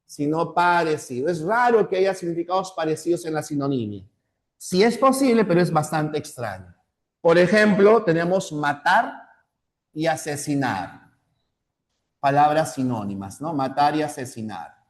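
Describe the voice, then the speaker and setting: A man's voice: fairly high pitch, animated. A man with a Peruvian Spanish accent teaching a class, often repeating key terms and checking in with "¿ya?". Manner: slows down to spell out examples. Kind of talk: classroom lecture.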